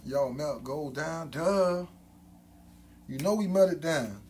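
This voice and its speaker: A man's voice: on the high side, expressive, slow, a little hiss or hum. Hype man talking through a gold grill. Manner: hype, repetitive catchphrases, loud ad-libs. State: speaking with grill on teeth. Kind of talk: casual hype promo vlog.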